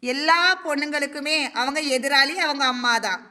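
A woman playing a woman counselor, probing and mildly scolding, bright tone, reverberant hall. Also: sits high, fairly even intonation, normal speed. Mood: calm. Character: patient woman counselor questioning a family. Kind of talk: amateur comedy stage acting.

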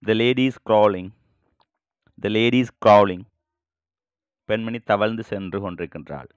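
A man teaching English vocabulary, saying each phrase slowly and then repeating it in translation. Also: on the low side, clear, resonant tone, no room sound, lo-fi sound. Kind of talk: bilingual vocabulary lesson.

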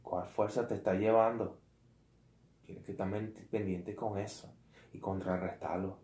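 Man, lay preacher, slow and mellow, stops and restarts a lot, roomy echo. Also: on the low side, fairly even intonation. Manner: halting, self-correcting, slangy asides. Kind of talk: casual informal preaching.

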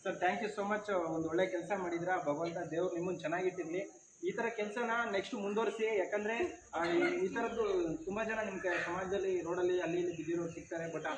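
Casting: earnest shelter founder, man, high voice, live appeal, echoey spot with loud noise behind. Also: fairly even intonation, moderate pace. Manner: earnest, pleading, repeats requests.

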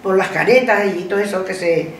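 An elderly woman with an accent from Spain, casually reminiscing with lively, exclamatory anecdotes and repeated words. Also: medium pitch, brisk, crowd noise. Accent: Spanish from Spain. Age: elderly, over 70. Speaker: interviewee recalling her past. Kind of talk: casual reminiscing, animated anecdotes with acted quotes. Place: living room at home, seated in armchair. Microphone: camera a few metres away. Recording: roomy, distant mic, background noise.

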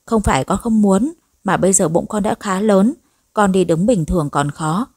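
A soft, pleading young pregnant wife, read by a woman narrator. She speaks politely and patiently, in a close, dry recording. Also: medium pitch, normal speed, breathy edge, no echo, lightly acted.

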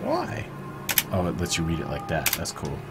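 A man's voice: low voice, huge pitch swings, normal speed, loud music behind the voice. A man casually commenting while playing a video game, crude, joking and sarcastic. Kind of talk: let's play commentary.

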